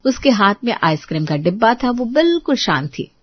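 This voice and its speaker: Dramatic woman storyteller, slightly high. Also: big pitch swings, brisk, lo-fi sound. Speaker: narrator. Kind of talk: storybook narration.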